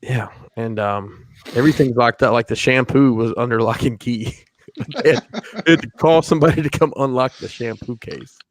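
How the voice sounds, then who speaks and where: A man co-hosts a podcast in casual conversation, telling rambling stories laced with crude jokes. His voice is mid-range and he talks at a normal speed.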